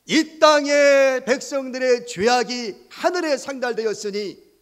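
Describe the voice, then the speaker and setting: A man voicing God in a Bible story for children, giving slow, loud, solemn commands. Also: extremely high pitch, long reverb tail, pitched above the performer's own voice. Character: commanding God speaking to a prophet.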